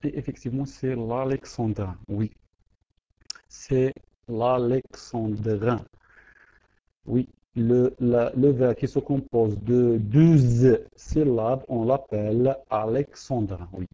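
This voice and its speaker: Man, teacher, slow, halting, repeats himself, muffled recording. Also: medium pitch, dark tone. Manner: hesitant, repeats words and fills with euh. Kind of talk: online lesson. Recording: dull lo-fi audio.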